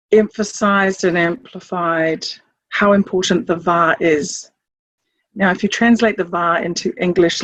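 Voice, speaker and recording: A middle-aged woman from Samoa speaks in a husky, breathy voice, searching for her words with small restarts. The sound is dry and a little dull, as if close-miked in a quiet room. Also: medium pitch, no echo. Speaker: chief executive of a leadership organisation. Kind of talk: reflective talk to camera.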